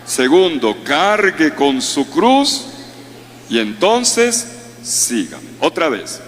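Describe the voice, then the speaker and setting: Man, priest, sermon, emphatic repetition, fairly high voice, long hall echo. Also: big pitch swings, drawn-out words, a bit bright. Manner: emphatic, repeats key phrases, drills the audience. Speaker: priest preacher. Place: large hall at a conference.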